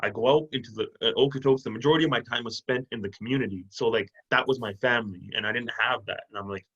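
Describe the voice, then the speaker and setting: A young man in his twenties, a guest telling animated stories with laughs in a casual video call chat. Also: medium pitch, fast talker, breathy edge. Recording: dull lo-fi video call audio.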